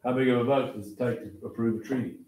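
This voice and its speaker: Quick and a little mellow, this older history teacher from Oklahoma holds a fairly even, medium pitch while lecturing with emphasis, repeating key points and quizzing his students. A camera far back in the medium-sized classroom picks up echo and background noise.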